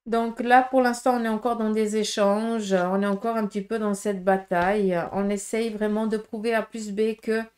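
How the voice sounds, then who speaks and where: A woman with a Swiss French accent gives viewers a casual tarot reading, speaking directly and frankly with lots of fillers and tag questions. Her mid-range voice is a little mellow, barely moves in pitch, and runs at a normal speed with hardly any pauses.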